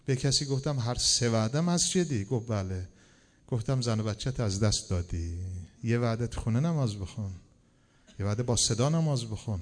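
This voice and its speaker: A man delivering a sermon in a large hall, his voice trailing in a long reverb. He speaks at a middling pitch, repeating phrases in rhythm and pushing up to forceful, emphatic peaks. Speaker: preacher. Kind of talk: religious sermon to a congregation.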